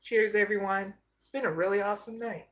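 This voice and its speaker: A woman from Arizona giving a live card reading, slow and soothing, often checking in with "okay?". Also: medium pitch, fairly even intonation, a bit bright. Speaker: psychic card reader.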